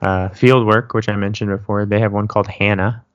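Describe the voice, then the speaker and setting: A man co-hosting a podcast in casual chat, with a relaxed, dryly joking manner. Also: fairly low pitch, fairly quick, no echo, highs cut off. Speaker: podcast co-host.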